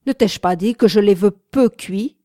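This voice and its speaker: A woman reading aloud and voicing a domineering, cynical nobleman with loud, commanding outbursts. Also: medium pitch, measured pace, no echo, clean studio sound, lightly acted. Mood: furious. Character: domineering middle-aged nobleman, harsh and cynical.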